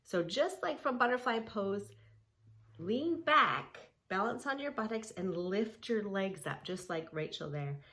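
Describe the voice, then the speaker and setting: Speaking in a mid-range voice that's animated, a little slow, pushed and bright, a woman walks preschoolers through yoga poses as she reads them a story. Her tone is simple and encouraging, aimed straight at the young listener.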